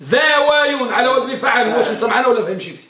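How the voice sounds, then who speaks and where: A man's voice: very high-pitched, animated, quick pace, echoey room, crowd noise. A man teaching Arabic grammar. He quizzes his students and stretches out words to drive a point home. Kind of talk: Arabic grammar lesson with question-and-answer drill.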